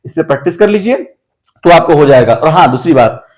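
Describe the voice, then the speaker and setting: A man's voice: on the high side, expressive, a little mellow. A man, teaching a classroom lesson. He drills sentences word by word and talks to his students as if they were children. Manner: explains slowly, addressing students as children. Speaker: English teacher.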